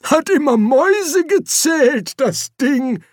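A shrill, ancient old wizard. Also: expressive, slow pace, no room sound, clean studio sound. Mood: cackling. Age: older. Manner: querulous, shouting.

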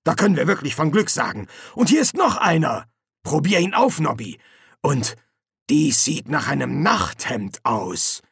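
A man's voice: a little high, big pitch swings, a little slow, gravelly, a bit bright, slightly rough, no echo, clean studio sound, voice pushed up, exaggerated voice. Blustering sergeant, a man voicing him. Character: bumbling portly middle-aged male army sergeant. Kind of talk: audiobook character voice.

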